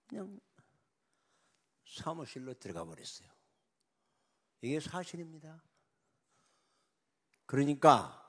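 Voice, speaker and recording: A man preaching at a revival meeting, telling a story dramatically with sudden loud rises and quiet drops. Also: mid-range voice. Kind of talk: sermon storytelling.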